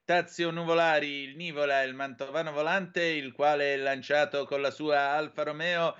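A man's voice: on the high side, fairly even intonation, normal speed, a bit bright, clean tone, muffled recording, close to an everyday voice. A man doing a bombastic old newsreel announcer. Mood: pompous. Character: pompous male 1930s newsreel announcer. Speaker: radio host.

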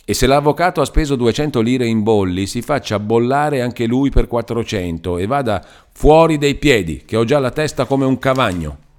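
A man voicing an irritable middle-aged clerk who shouts in agitation. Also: mid-range voice, expressive, normal speed, voice pushed up, natural voice. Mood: exasperated.

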